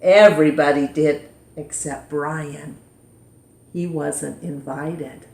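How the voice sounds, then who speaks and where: A woman narrates a children's storybook in a fairly low voice, taking her time over every phrase. She is expressive and deliberate, shaping the story for young listeners. The room adds a clear echo. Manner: animated, deliberate, dramatizes dialogue for young listeners. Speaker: storyteller reading a picture book aloud. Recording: roomy echo.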